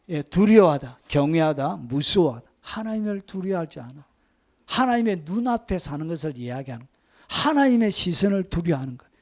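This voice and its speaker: Animated high-voiced male preacher. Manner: animated storytelling preacher, acts out quoted voices. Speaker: pastor. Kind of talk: sermon.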